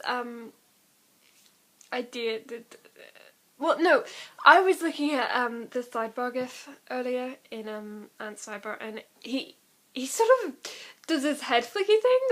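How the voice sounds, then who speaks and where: This young woman's voice sits fairly high and sounds a bit bright. Chatting loosely in her amateur vlog, she tries out impressions and keeps dissolving into giggles at her own attempts.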